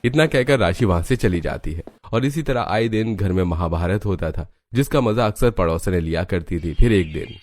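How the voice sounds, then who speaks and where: A man narrating an animated family story in a steady storytelling way. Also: deep voice, moderate pace, few pauses, slight background noise.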